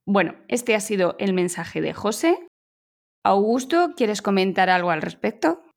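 Woman, podcast host, reading a message aloud, measured and even. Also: medium pitch, creaky.

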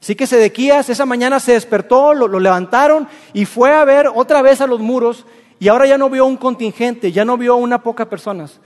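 A preacher retells a story in a lively, colloquial way. His voice sits high for a man. Long reverb from the hall hangs after his words. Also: a little fast. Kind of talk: sermon storytelling.

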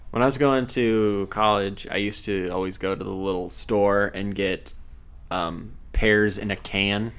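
A man's voice: on the low side, steady tone, measured pace, a bit bright, clear, resonant tone. A man chatting in a casual podcast, rambling along with lots of "like" and playful exaggeration. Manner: chatty, rambling with fillers and restarts. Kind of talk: casual chat.

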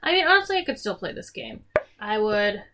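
Bright, blunt young woman joking around. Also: mid-range voice, sing-song, brisk. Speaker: podcast co-host. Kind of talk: casual chat.

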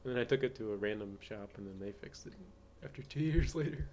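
A man's voice: on the low side, quick pace, darkish tone, a little hiss or hum. A man co-hosting a podcast, chatting casually in an easygoing, rambling way and restarting his sentences. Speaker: podcast co-host. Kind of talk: casual chat.

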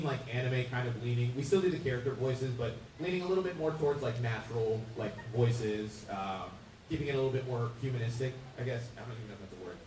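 A man's voice: mid-range voice, a little mellow, a little hiss or hum. A man who voices and directs, speaking on a convention panel in a thoughtful, rambling way with many fillers. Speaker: voice actor and director. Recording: echoey hall, far from mic.

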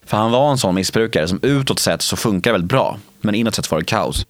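A man in his late twenties, speaking candidly in an interview, halting with many fillers and restarts. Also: lowish voice, animated, dry recording.

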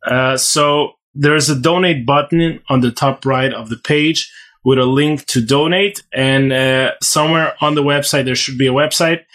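A man from Ukraine speaks as a rabbi guest on a podcast. He talks earnestly and haltingly, pausing on fillers, in a voice of ordinary middle pitch. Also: a bit bright. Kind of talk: podcast interview.

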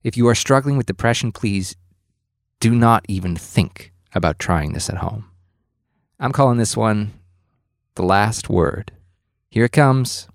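Low gravelly male storyteller. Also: unhurried, pauses often, no echo, clean studio sound. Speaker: podcast host and narrator. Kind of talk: scripted storytelling narration.

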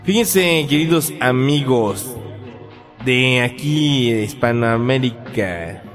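A man hosts a joking homemade talk show. He is theatrical and pompous, his pitch swings widely, and he speaks slowly. Music plays behind him. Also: animated. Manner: theatrical, hamming up a pompous host voice. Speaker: host. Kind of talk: playful mock talk show.

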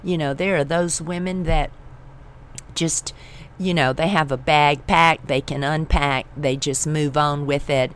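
Slow, low-voiced woman giving gentle encouragement. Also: steady tone. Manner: gentle, reassuring, pastoral. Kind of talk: encouraging devotional talk.

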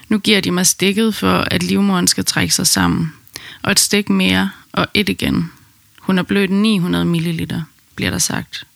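A woman calmly narrating her own birth story in the first person, in an intimate storytelling manner. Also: lowish voice, creaky, no echo.

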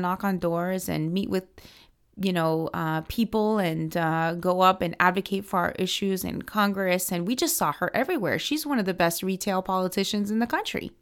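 A woman's voice: mid-range voice, fairly bright tone. Woman, from Miami, young adult, earnest, passionate, fillers and restarts, interview answers. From Miami, United States. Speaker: political strategist.

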